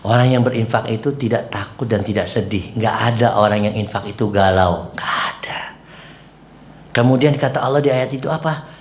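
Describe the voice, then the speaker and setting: Male preacher teaching women in an echoey room, animated and audience-engaging, with a faint hum behind. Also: brisk. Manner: lively, jumps high for emphasis, keeps asking the audience. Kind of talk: religious lesson to women.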